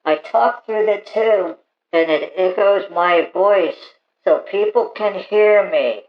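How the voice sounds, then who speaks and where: A man's voice: high voice, voice pushed up. A man putting on the voice of a touchy male caller who talks through a paper towel tube and hates being talked over. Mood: plain, defensive. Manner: defensive, quickly takes offense. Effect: talking through a paper towel tube. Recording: hollow muffled echo through a cardboard tube.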